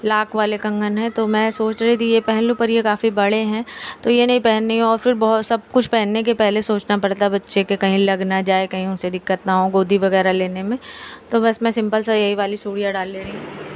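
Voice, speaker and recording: Soft-spoken woman narrating a home vlog. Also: level tone, brisk, a little hiss or hum. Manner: soft, lowered voice so as not to wake a sleeping child. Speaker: vlogger. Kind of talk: casual vlog voice-over.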